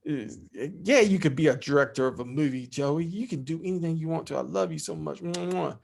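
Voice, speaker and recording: Gravelly middle-aged man, heartfelt and blunt. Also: a little high, big pitch swings, a little fast, a little mellow. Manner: heartfelt, swears freely. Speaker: podcast guest. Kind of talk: candid interview talk.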